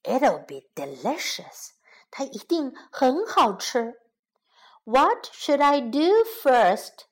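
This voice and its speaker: A woman voicing a kindly older aunt who bakes, speaking softly and musing to herself, in a children's storybook. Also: sits high, sing-song, pitched below the performer's own voice, heavily acted. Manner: soft, musing, slow. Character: kindly old aunt baker, gentle.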